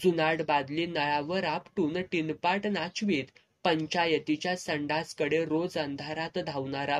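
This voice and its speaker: A storyteller reading a serialized novel aloud in an unhurried way. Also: medium pitch.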